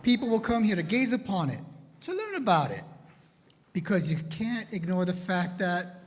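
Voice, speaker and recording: A man's voice: high-pitched, big pitch swings, moderate pace. A man playing an earnest villager who reads the new star as an omen, in a church skit, with a musing, thoughtful manner. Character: sleepless superstitious villager, sees omens. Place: church sanctuary. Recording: long church-hall reverb.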